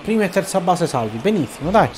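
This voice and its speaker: A man's voice: high voice, sing-song, fast, crowd noise. A man casually commentating his own baseball video game, cheering, groaning and muttering to himself as he plays. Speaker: gaming YouTuber. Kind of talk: casual let's-play commentary.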